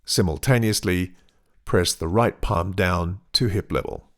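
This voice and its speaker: A man giving step-by-step tai chi instruction in measured, deliberate phrases with pauses between cues. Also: sits low.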